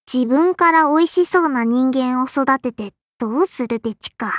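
For anime game voice lines, a woman uses a high voice close to her everyday one, at normal speed, recorded in clean studio quality with no room sound. She plays a small, strict, prim sparrow-spirit girl who lisps childishly and scolds politely with a quirky verbal tic, sounding critical and proper.

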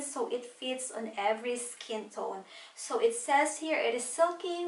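Woman, thirties, beauty vlogger; chatty and step-by-step, high voice, roomy echo. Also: fairly bright tone, distant mic. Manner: chatty, walks through each product step by step. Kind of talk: casual makeup tutorial. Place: small home room at a desk.

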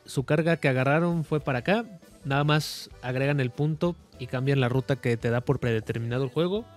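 A young male streamer with a Mexican Spanish accent and a slightly high voice comments casually on a driving game, breaking into joking, excitable outbursts.

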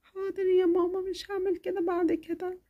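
A woman voicing a sick, eager little girl in a children's cartoon, talking in a soft, whiny, pleading way with an Egyptian accent. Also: very high voice, flat delivery, a little fast, muffled recording. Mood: sheepish. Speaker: cartoon character.

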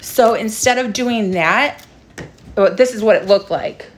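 A young adult woman with a mid-range voice talks informally at a measured pace, walking through a craft step by step in a casual livestream tutorial. She's a livestream host and craft seller, recording in a small room at home on a phone propped at arm's length.

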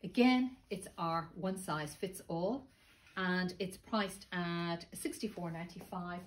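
A woman's voice: lowish voice, slow pace. A middle-aged woman with a slightly thick, sore-throat voice, giving a casual sales presentation to camera. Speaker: boutique presenter. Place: small clothing boutique, indoors. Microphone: phone camera a few metres away. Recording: steady background shop noise, phone video.

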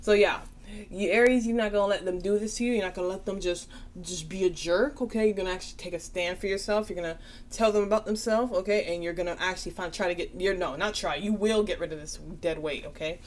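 A woman's voice: fairly low pitch, fast talker. A tired woman giving a casual tarot reading, chatty and reassuring, often checking in with "okay?". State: tired, yawning. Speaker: tarot reader.

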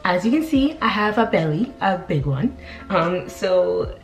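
A young woman talks to her camera in a loose, chatty way, often pausing on an um and restarting her sentences. Her voice sits a little low. Soft music plays faintly underneath. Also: very animated. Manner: chatty, many ums and restarts. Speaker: vlogger. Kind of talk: casual vlog chat. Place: indoors at home.

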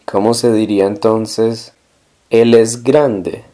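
A man with a lowish, warm voice leads a language lesson. He speaks slowly and patiently, breaking down each sound and saying every example more than once. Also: steady tone. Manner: explains step by step, repeats model words slowly. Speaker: language teacher. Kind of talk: slow, careful language lesson.

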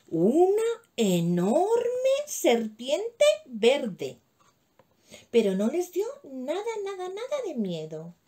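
A woman tells a children's story, lively and playful, with hushed asides to the children. Her voice sits high and leaps all over its range. The tone is warm and mellow. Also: husky. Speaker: preschool teacher.

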